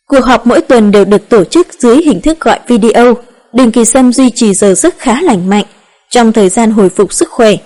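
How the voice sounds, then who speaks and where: A woman narrating a romance novel in a calm, steady reading voice. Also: fairly high pitch. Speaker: audiobook narrator.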